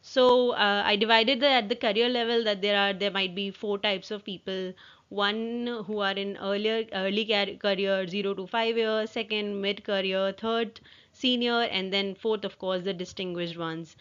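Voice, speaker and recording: Woman presenter, mid-pitched, informal slide walkthrough, halting with restarts, muffled low-fidelity sound. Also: fairly even intonation, fairly bright tone, clear, resonant tone. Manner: halting, with repeated false starts. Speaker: presenter walking through own work assignment. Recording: dull, lo-fi audio.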